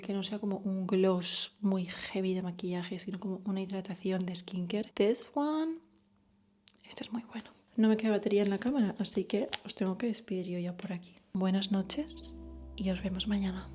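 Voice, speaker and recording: Spanish woman from vlogging, chatty and excited, tosses english words in, middle pitch. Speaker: fashion vlogger. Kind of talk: casual vlog chat.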